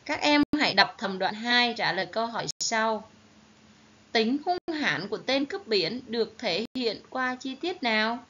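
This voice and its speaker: Brief: woman teacher with a Southern Vietnamese accent, clear and careful diction, fairly high voice, dull lo-fi recording. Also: animated, sharp tone. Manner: slow, careful, clearly enunciated teaching delivery. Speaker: primary school teacher. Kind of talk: recorded online reading lesson for children. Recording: dull lo-fi recording with faint hiss.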